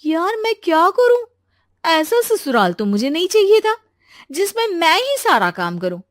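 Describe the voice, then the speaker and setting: A woman's voice: extremely high pitch, sing-song, measured pace, dry recording, studio quality, pitched above the performer's own voice, full character voice. A woman voicing an outspoken, playful young woman about to marry, in a cartoon story. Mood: chirpy. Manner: chirpy, playful. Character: lively, outspoken young bride-to-be.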